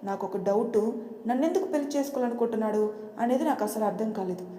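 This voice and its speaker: A woman's voice: on the high side, fast, dark tone, close to an everyday voice. A woman voicing a naive, clumsy young office worker who fusses and doubts aloud. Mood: plaintive. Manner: plaintive and doubting. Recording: roomy with long reverb.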